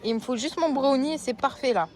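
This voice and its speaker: A woman's voice: sits high, fast talker. A young woman chatting casually to camera as a travel vlogger, gushing about food and using lots of fillers. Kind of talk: casual vlog chat. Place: outdoors on a Greek island with traffic around. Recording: outdoor noise in background.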